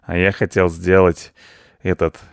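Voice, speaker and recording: Brash country tomcat, loud, folksy and full of himself, read by a man. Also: low-pitched, level tone, unhurried, no room sound, studio quality. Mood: boastful. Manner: rough, folksy and boastful. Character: boastful scrappy red village tomcat.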